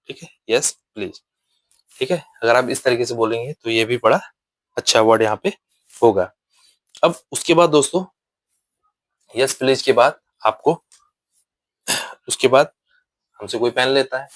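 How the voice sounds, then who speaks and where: A man teaching good-manners phrases in an English lesson, explaining patiently and repeating each example phrase slowly. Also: medium pitch, no room sound, rough recording. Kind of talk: spoken English lesson in Hindi.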